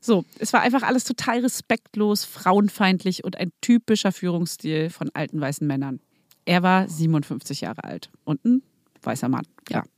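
Woman reading a story out loud on a podcast, chatty asides, dry close mic. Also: lowish voice, no echo. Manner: reads a story aloud and breaks off for quick asides and laughs. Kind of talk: casual chat and reading aloud.

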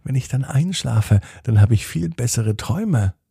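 A man's voice: medium pitch, expressive, normal speed, creaky, warm tone, slightly rough, dry recording, studio quality, full character voice. A man voicing an earnest young girl in a children's story, who pleads and confides. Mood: confiding. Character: dreamy young girl, older twin sister.

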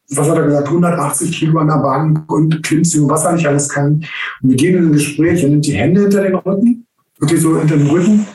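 A man working as a coach tells stories in a conversational interview, animated, acting out the people he quotes. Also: a little high, far from the mic. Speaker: coach and trainer. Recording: roomy sound, a little off-mic.

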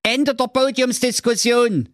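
A man's voice: high-pitched, sing-song, moderate pace, no echo, clean studio sound, pitched above the performer's own voice. A man doing a brash, cocky young hero. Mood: bossy. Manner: brash and demanding. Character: boastful, cocky young male ex-conductor.

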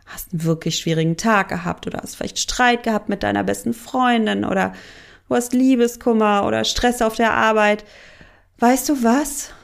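A woman's voice: sits low, moderate pace, a little mellow, pitched below the performer's own voice. A woman voicing a coaxing, indulgent inner voice that cajoles and soothes. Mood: cooing.

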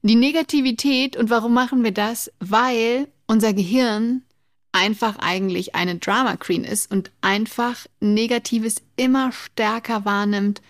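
A woman's voice: fairly high pitch, measured pace, dry recording. Chatty woman podcaster, dry close sound. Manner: chatty, explanatory, laughs easily. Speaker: podcast co-host, memory trainer. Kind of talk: casual podcast chat explaining a topic.

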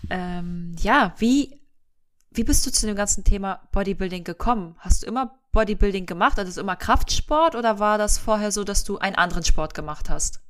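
A woman's voice: medium pitch, a little fast, fairly bright tone. German woman hosting a podcast. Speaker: podcast host. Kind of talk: casual podcast interview.

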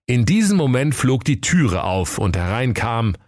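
A man's voice: mid-range voice, very animated, unhurried, no echo, clean studio sound. A man narrating a children's story in a playful storytelling manner.

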